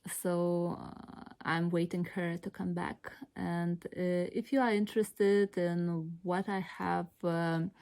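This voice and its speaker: A woman from Lithuania with a Lithuanian accent, talking unscripted to viewers as a vlog host, hesitant and often pausing to search for words. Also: fairly low pitch, little pitch movement, darkish tone. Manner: hesitant, halting, with long searching pauses. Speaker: video host. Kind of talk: unscripted explanatory vlog talk.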